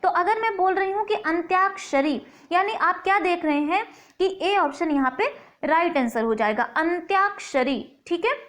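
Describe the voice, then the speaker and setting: A woman with a very high voice leads an exam-prep lesson as the teacher. She explains each question step by step and slows down to sound out key words carefully. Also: animated, a bit bright. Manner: explains step by step, repeats words slowly to stress pronunciation.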